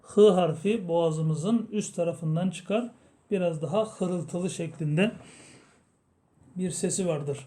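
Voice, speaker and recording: Recitation teacher, man, Turkish accent, slow-spoken, drawn-out chanting. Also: high-pitched, dark tone. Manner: explains slowly, then chants verses drawn out. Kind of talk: tajweed lesson with chanted recitation.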